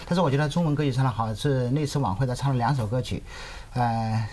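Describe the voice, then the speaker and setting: A man's voice: medium pitch, quick pace, darkish tone, a little hiss or hum. A middle-aged man, a guest music teacher, explaining casually in an interview. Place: TV studio at a desk.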